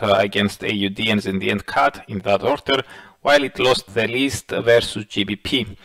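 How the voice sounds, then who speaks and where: A middle-aged man presenting a daily market review, reading prepared commentary in a measured way with frequent filler sounds and restarts. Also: medium pitch, a bit bright, rough recording. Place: voice-over over presentation slides.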